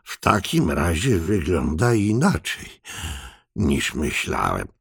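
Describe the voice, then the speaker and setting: A man voicing an excitable male tortoise in an audiobook, with high squeaky exclamations. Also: takes it slowly, gravelly, slightly rough, no echo, clean studio sound, exaggerated voice. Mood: dazed. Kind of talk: audiobook character voice.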